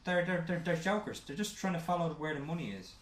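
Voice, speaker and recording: A man co-hosting a casual gaming podcast, blunt and quick to swear. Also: a little high, animated. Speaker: podcast co-host. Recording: roomy with faint hiss.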